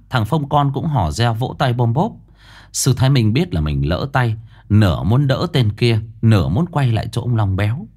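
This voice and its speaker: A man reading a ghost story aloud in a dramatic, expressive storytelling style. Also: mid-range voice. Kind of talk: storytelling narration.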